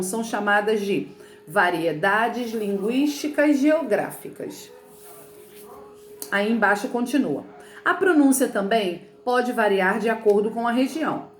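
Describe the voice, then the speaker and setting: Chatty Carioca teacher woman, echoey room. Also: mid-range voice. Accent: Carioca Portuguese. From Rio de Janeiro. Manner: chatty, explanatory, frequent "né" and "tá bom". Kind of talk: remote lesson reading from a textbook.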